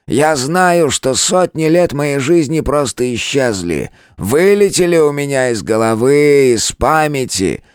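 An ancient turtle elder, grim and stubborn, rises to a high, strained pitch well above the reader's own low voice, as a male narrator puts him on. He stretches his words out and leans hard into them. The recording is close and dry. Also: no room sound. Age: older. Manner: impassioned, loud, drawn-out.

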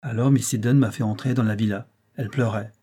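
A man's voice: fairly low pitch, fairly even intonation, fast talker, warm tone, lightly acted. Man playing an eager police informant. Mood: reporting. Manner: eager, confiding report to his chief. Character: loyal male police informant reporting.

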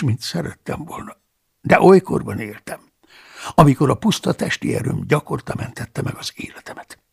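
A man narrates a first-person audiobook with a very gravelly, husky voice. His pitch sits fairly high and moves in lively swings as he reads.

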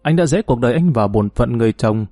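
A man voicing a hurt, bitter young woman who was once married, speaking in a pleading tone in his own mellow, dry-sounding voice. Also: mid-range voice, expressive, quick pace, no room sound, soft background music. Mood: grieving.

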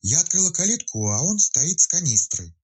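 A man voicing a sleepy, grumbling village woman woken in the night, in a raised pitch and a slightly husky voice. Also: very animated, a little fast, dark tone. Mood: sleepy chatty. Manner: grumbling, then frightened and chatty.

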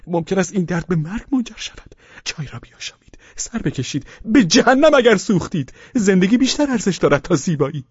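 A man voicing an anxious, fussy middle-aged man who nurses a sick friend, talking in a fretful, insistent way with a husky edge, in a dull lo-fi recording. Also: high-pitched, a little mellow, no room sound, voice pushed up.

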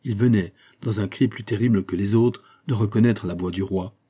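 Husky low-voiced male audiobook narrator. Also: normal speed, warm tone.

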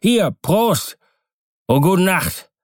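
Bellowing drunken sailor, higher and louder than the narration, read by a male narrator. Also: very animated, very slow, no echo, clean studio sound, exaggerated voice. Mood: scornful. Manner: rowdy, bellowing, slurred. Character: drunk, defiant male sailor, coarse and boastful.

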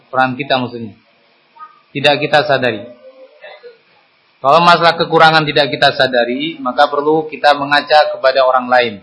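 A man delivers a Friday sermon in a mosque in a lively, conversational way, throwing in rhetorical questions and sudden jumps in pitch. The audio quality is poor.

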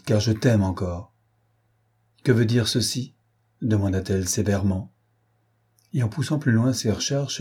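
A male audiobook narrator reading literary prose in a measured, deliberate way. His voice sits low and sounds dark and mellow, with a husky, slightly breathy texture. Each sentence is shaped with care.

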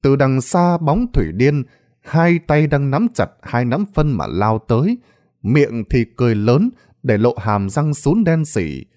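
A man narrates a ghost story in a practiced storytelling voice. His pitch rises and falls widely as he builds the scene. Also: unhurried. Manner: expressive storytelling with lively pitch. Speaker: horror storyteller.

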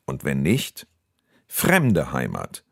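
A man hosting a radio lecture program, presenting in a scripted, lively way and speaking directly to listeners. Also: extremely low pitch, drawn-out words, creaky, no echo. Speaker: radio show host. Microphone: studio microphone. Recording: dry studio sound.

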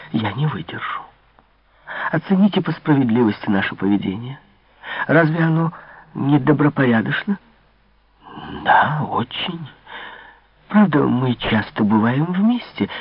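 A man voicing a young noble princess, coy and teasing, lifting his husky voice higher and lilting for her. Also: dry recording. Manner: raised, lilting pitch for a woman's part. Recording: dull lo-fi dry recording.

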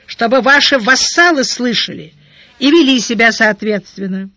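A narrator voicing a calm, ironic warrior lord in an audiobook, unhurried and lawyerly. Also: medium pitch, dry recording. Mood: stern. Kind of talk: audiobook character voice. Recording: dull lo-fi dry recording.

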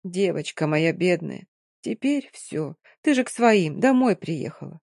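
Fierce, fussing old Romani nomad woman, read by a woman narrator; loud and emphatic, no room sound. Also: lowish voice, expressive, a little slow, creaky, no room sound, clean studio sound, heavily acted. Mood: tender.

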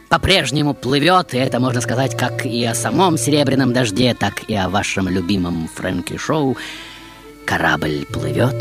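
Male radio host, mid-range voice, florid showman delivery, music softly behind. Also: mid-range voice. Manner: florid, grandiloquent, swinging from loud to hushed. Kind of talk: theatrical monologue to radio listeners.

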